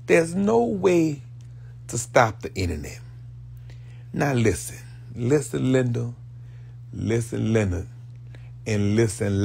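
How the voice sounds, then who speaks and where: A man hosting a show of comedic commentary on internet gossip, animated and profane, jumping from loud outbursts to hushed asides. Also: fairly low pitch, creaky, breathy edge. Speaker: show host.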